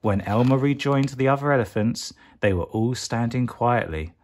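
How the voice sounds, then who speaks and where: Man reading a children's bedtime story. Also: mid-range voice. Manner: expressive, deliberate, drawn-out emphasis on key words. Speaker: storyteller reading a children's picture book aloud. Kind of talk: bedtime story read-aloud.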